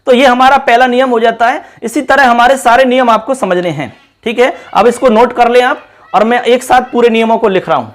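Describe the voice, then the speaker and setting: A man's voice: very high-pitched, brisk. A man teaching a Sanskrit grammar class at a board. He explains step by step, repeats key terms and calls his viewers friends.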